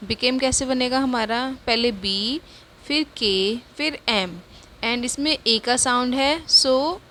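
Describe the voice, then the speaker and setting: Slow woman teaching shorthand. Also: on the high side, sharp tone, slight background noise. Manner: slow, repeats each word several times, mixes Hindi and English. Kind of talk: step-by-step spoken lesson.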